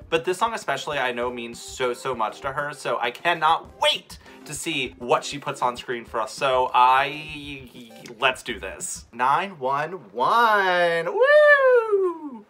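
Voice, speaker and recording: A young man who hosts as a drag queen gives campy, effusive reaction commentary packed with exclamations, his mid-range voice pushed and bright. He sits in an indoor room with a sequin curtain while music plays behind him.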